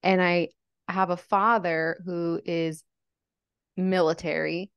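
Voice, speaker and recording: Speaking slowly in a smooth, fairly low voice with little pitch movement, this young woman from Lebanon shares personal stories as a podcast guest. She comes across as earnest and reflective, often saying "like." There is no echo.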